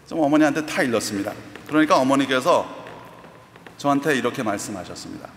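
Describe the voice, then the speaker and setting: A man's voice: mid-range voice, animated, fast, a bit bright, a little hiss or hum. A middle-aged man preaching a sermon as pastor, telling stories earnestly and asking the congregation questions. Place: church sanctuary. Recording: echoey church hall reverb.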